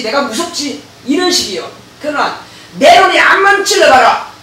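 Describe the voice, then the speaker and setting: A male pastor giving an animated sermon in a church. He laughs, acts out dialogues and bursts into shouts. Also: very high-pitched. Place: church sanctuary. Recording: very echoey church hall, distant mic, faint noise.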